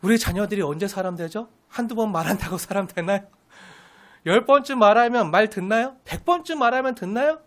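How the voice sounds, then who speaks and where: A woman's voice: mid-range voice, fairly quick. A woman pastor preaching an expository sermon, asking the congregation questions and answering them herself, with emphatic stress on key words.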